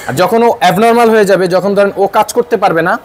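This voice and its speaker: A man's voice: sits high, very fast. A man with a Bangladeshi accent, a car mechanic explaining a fault while he works, with many filler sounds. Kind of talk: workshop demonstration.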